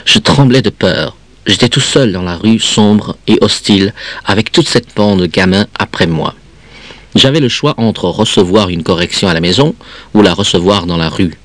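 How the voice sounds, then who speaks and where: A man with a lowish voice reads a story aloud, measured and expressive. The recording is dry and close-miked, with no room around him. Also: no echo. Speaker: reader.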